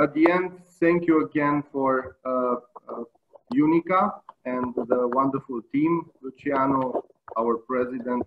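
A middle-aged man moderating and politely closing a panel on a video call, slightly halting. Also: medium pitch, slight background noise. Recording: tinny phone-like line.

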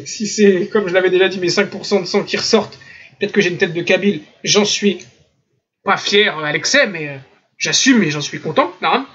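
A man's voice: sits high, normal speed, fairly bright tone, slightly rough. A man giving an online religious lecture in a sarcastic tone, mimicking his opponents with humor. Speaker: religious teacher. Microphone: computer mic in a voice chat room. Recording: lo-fi online voice chat audio.

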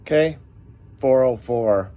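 Middle-aged shop owner, slow easygoing drawl, folksy rambling demo talk. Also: male voice, mid-range voice, expressive, warm tone, a little hiss or hum. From United States. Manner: rambling, folksy, talks to viewers as guys. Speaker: shop owner demoing airguns. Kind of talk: casual product demo vlog.

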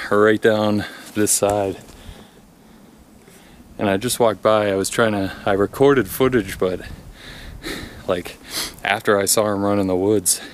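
A bit of hiss or hum accompanies a man's lowish voice. He's in his thirties, vlogging a forest hike and chatting casually while thinking aloud into an action camera on a handheld pole.

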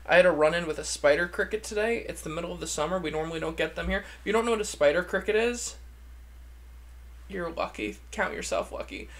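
Creaky, high-pitched campy drag queen. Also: quick pace, fairly bright tone. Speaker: drag queen product reviewer. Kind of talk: casual chatty video review. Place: indoor room, seated at a desk.

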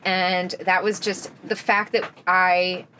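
A young woman talking about sailing as an interview guest, lively and laughing often, in a small wood-paneled boat cabin. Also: on the low side, slow, slight background noise. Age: young adult. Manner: lively, laughs often, talks with her hands. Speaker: sailor guest. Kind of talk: casual interview.

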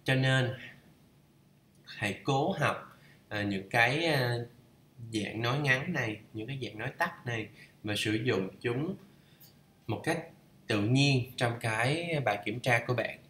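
A man's voice: mid-range voice, unhurried, long pauses, fairly bright tone, roomy sound. A man teaching English, reading a lesson aloud and patiently repeating each pronunciation. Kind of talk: bilingual lesson read-through.

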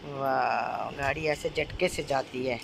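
A woman's voice: extremely low pitch, takes it slowly, vocal fry. A woman recording a casual family vlog at home, coaxing and soothing a crying child and chatting to the camera. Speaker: family vlogger. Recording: noisy home phone recording.

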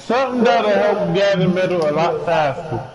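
A man's voice: sits high, animated, normal speed, low-quality recording. A young man playing a video game with a friend, chatting casually, boasting about his building and teasing his buddy. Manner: boastful, teasing, laid-back. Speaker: co-player. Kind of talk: casual gaming chat. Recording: loud crowd noise behind.

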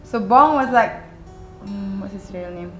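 A woman in her thirties from Malaysia, chatting casually in an interview and telling a story with lively quoted voices. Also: medium pitch, unhurried, roomy sound, over music, low-quality recording. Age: 30s. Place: indoor lounge on a sofa.

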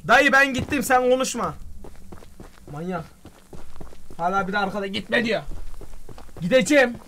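A man streaming a game live, excitable and joking, often shouting at what happens on screen. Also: sits high, moderate pace. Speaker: gaming streamer. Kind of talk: live gameplay commentary. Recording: game sounds and noise under the voice.

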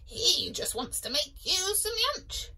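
A woman's voice: very high voice, expressive, slow, bright, forceful tone, voice pushed up, heavily acted. A woman voicing a chatty female magic chicken that cackles and squawks.

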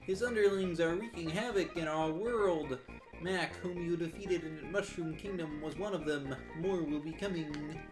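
A woman plays an old frog sage in a video game, a patient wise mentor. The delivery is measured and formal, often turning statements into gentle questions. Plucked-string music plays clearly behind the voice. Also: lowish voice, natural voice, low-quality recording. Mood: grave, kindly. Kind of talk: dramatised video game dialogue reading.

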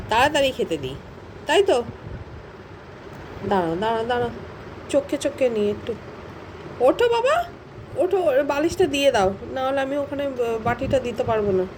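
A woman's voice: fairly high pitch, animated, brisk, pauses often. A woman filming a casual home vlog, coaxing her pet dog in affectionate baby talk. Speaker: dog owner. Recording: traffic noise behind.

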